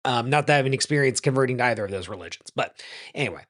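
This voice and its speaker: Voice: mid-range voice, expressive, rapid-fire, fairly bright tone. A rabbi teaching in a loose, chatty way, full of ums and self-corrections, who tells a joke and then explains it. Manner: tells jokes and explains them. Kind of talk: casual teaching talk.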